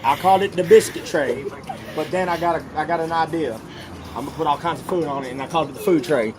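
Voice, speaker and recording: A man's voice: a little high, fast talker, over music, lightly acted. A man playing a boastful, rambling old grandpa inventor who keeps calling everyone son and whippersnapper, in an improvised comic bit. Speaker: performer of a comic sketch. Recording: noisy crowd chatter outdoors.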